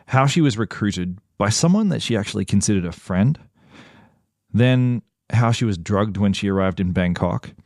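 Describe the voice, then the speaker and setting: A podcast host with a fairly low, darkish voice narrates and conducts interviews in a measured, earnest manner. The sound is dry and close, with no echo or sense of a room.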